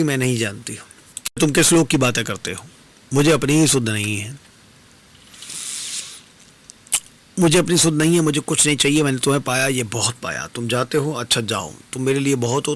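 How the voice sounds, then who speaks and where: A man's voice: medium pitch, close to an everyday voice. A man performing dastangoi, voicing a grieving young queen who pleads with and laments to her departing lover in formal, literary speech. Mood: indignant. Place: radio studio.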